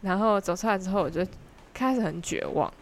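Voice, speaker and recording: A young woman with a Taiwanese Mandarin accent, hosting a podcast and telling a story in an animated, chatty, giggly way. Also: mid-range voice, fairly quick, slight background noise. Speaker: podcast host. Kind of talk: casual storytelling chat.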